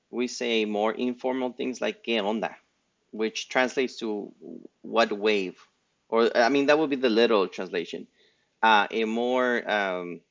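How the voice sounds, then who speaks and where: Gravelly Mexican man teaching phrases. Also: on the low side, muffled recording. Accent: Mexican Spanish. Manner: loose and unscripted, with many fillers and restarts, quoting phrases in a lifted voice. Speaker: Spanish teacher. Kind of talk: casual spoken language lesson.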